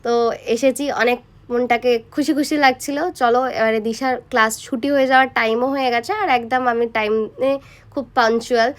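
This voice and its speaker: Chatty high-voiced woman vlogging. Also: steady tone, brisk. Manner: chatty, talks straight to viewers. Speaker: mother vlogger. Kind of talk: casual vlog narration.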